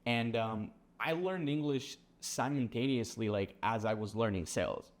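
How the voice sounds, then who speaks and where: A young Serbian man with a Serbian accent, co-founder of a sales agency, tells sales stories in a casual business chat. He speaks at normal speed in a mid-range voice, animated and saying "bro" and "like" a lot.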